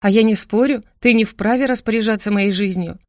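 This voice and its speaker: A woman's voice: medium pitch, fairly quick, no room sound, clean studio sound, voice pushed up, lightly acted. A woman voicing a hurt, defiant young woman who speaks sharply and raises her voice in an audiobook scene. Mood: defiant, upset. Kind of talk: audiobook character voice.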